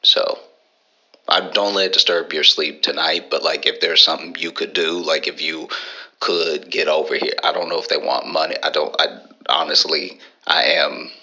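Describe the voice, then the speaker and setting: A man doing a gravelly deep-voiced buddy. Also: fairly even intonation, lo-fi sound, full character voice. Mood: nervous. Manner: slow, soft, earnest, halting. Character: gruff tender man phoning a friend.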